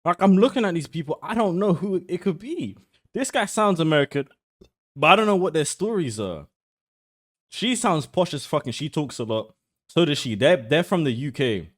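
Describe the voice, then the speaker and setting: A man's voice: a little high, big pitch swings, normal speed. A young British man reacting live on stream in blunt, brash talk, swearing and mocking as he goes. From United Kingdom.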